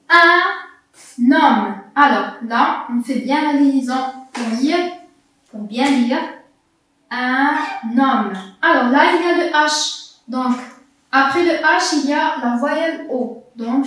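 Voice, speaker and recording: Slow, patient woman teacher in an echoey room. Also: high voice, recorded from a distance. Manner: slow, patient, spells out letters and repeats words. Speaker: primary school teacher. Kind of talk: French phonics lesson for young children. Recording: echoey room, voice set back from the mic.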